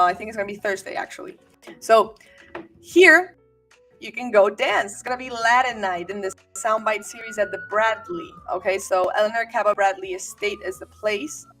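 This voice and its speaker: A woman's voice: medium pitch, recorded from a distance. A woman from Venezuela hosting a casual, upbeat talk with lots of fillers and restarts. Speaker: host.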